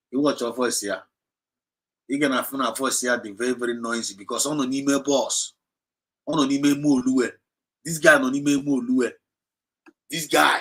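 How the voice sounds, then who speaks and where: A man with a Nigerian accent hosts a livestream, his medium-pitched voice pushed, bright and slightly rough. Passionately urging on his listeners, he keeps repeating his points and shifts between Igbo and English.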